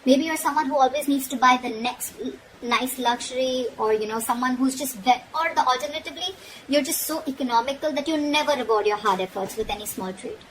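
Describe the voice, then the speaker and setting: Speaking straight to the listener, a woman delivers a candid, casual tarot reading, frequently checking in while scolding. She talks a little fast in a high voice, and the low-quality recording carries noticeable background noise.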